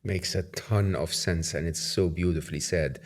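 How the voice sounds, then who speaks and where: An Egyptian podcast host in his fifties speaks in a deep, fairly even voice at a moderate pace, conducting a conversational interview thoughtfully and often restarting hesitantly. He's in a bright room with plants, using a podcast mic on an arm.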